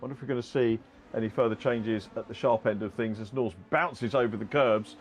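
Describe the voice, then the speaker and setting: A man's voice: mid-range voice, fairly even intonation, brisk. Male motorsport commentator, conversational analyst type, rambling and self-correcting, slight background noise.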